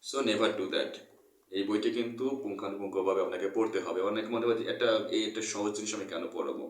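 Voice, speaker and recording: A man's voice: fairly low pitch, fairly even intonation, rapid-fire, far from the mic. Echoey man teaching English. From Bangladesh. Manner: earnest, repeats points, mixes English terms. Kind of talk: explaining a textbook lesson. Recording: echoey room, voice off-mic.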